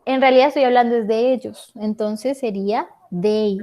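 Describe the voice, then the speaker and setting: Woman, English teacher, patient online class, quizzes students, fairly high voice. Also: normal speed, dark tone. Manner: patient, checks understanding with questions.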